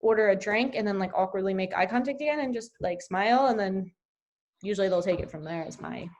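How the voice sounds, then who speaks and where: A woman's voice: mid-range voice, quick pace, darkish tone, muffled recording. A young woman who is a podcast guest, chatting casually in a teasing, matter-of-fact way. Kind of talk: casual chat.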